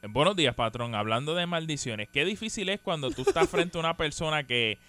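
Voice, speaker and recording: A man's voice: on the high side, lively intonation, fairly quick, sharp tone, no room sound. A man co-hosting a radio show, musing and dodging questions. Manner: reflective, evasive. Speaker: radio co-host. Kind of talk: casual banter.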